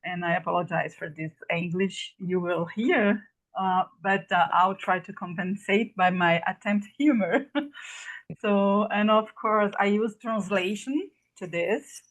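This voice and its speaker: A native Portuguese speaker from Brazil gives a relaxed online presentation as a guest lecturer via video call, her accent distinctly Brazilian. At a medium pitch and unhurried pace, she sounds hesitant and apologetic, full of fillers and false starts, over poor audio.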